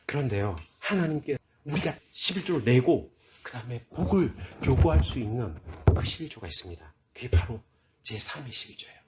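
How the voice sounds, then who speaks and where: A man's voice: medium pitch, very animated, a little fast, background noise. A man preaching a sermon as a pastor, asking his listeners questions and answering them himself, and raising his voice to read scripture aloud. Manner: reads scripture aloud in a raised, forceful voice.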